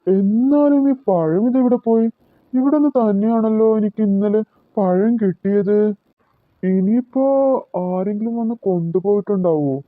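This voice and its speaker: Man voicing a high, tinny cartoon uncle. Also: moderate pace, no room sound, lightly acted. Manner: puzzled musing, talking to himself. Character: adult man, an uncle and husband. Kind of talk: cartoon voice acting. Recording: tinny phone-like dry recording.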